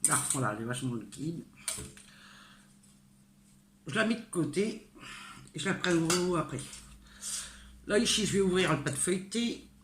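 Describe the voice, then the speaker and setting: A woman's voice: lowish voice, animated, normal speed, pauses often, heavy background noise. An older woman from northern France giving a casual cooking tutorial in her home kitchen. She talks straight to the viewer in a homely, chatty way, hesitating often with fillers. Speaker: home cook. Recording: echoey kitchen with clattering dishes. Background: clinking cutlery, pots and dishes.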